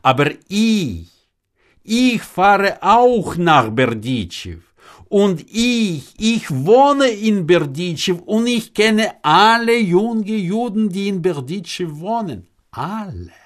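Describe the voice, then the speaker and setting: Man voicing a shrewd old traveler, sighing, deliberate, very slow, pitch swinging widely. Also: wildly swooping pitch, breathy edge, full character voice. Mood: indignant. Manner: sighing, deliberate explanations with rhetorical questions.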